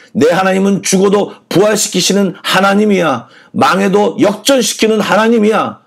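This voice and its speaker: A male pastor preaching an earnest sermon and asking rhetorical questions. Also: a little high. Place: church.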